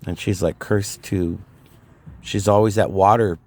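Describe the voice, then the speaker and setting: Middle-aged man from California, slightly low voice; loose, rambling storyteller who restarts his sentences. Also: steady tone, a little slow, a little mellow. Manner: rambling, frequent fillers and restarts, laughs at himself. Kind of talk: casual personal storytelling.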